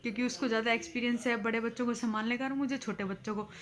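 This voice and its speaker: A woman with a somewhat high voice chats her way through a casual daily vlog. She speaks straight to her viewers and turns playful and coaxing with her toddler. She is recorded at home. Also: fairly even intonation, racing. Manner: chatty, addresses viewers directly. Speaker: vlogger. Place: family home.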